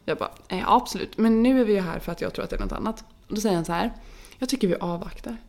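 Chatty young woman with vocal fry. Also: mid-range voice, a little mellow. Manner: chatty storytelling, acting out quoted dialogue. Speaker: podcast co-host. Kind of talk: casual chat.

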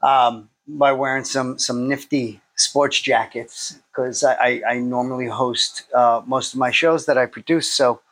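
A man chatting casually as a comedian guest, in halting, hesitant phrases. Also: medium pitch, fairly even intonation, fairly bright tone, rough recording. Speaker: comedian and show host, as a guest. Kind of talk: casual chat.

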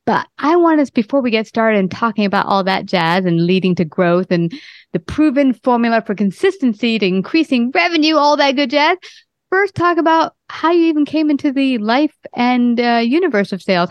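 A woman's voice: fairly high pitch, moderate pace, no echo, lo-fi sound. A woman hosting a podcast, interviewing in a conversational style. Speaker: podcast host.

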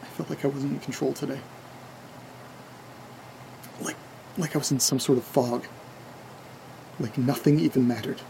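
A man's voice: medium pitch, steady tone, moderate pace, long pauses, dark tone, natural voice. An actor playing Nate, a rattled, anxious man caught up in a horror audio drama. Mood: troubled, bewildered. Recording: clearly noisy background ambience.

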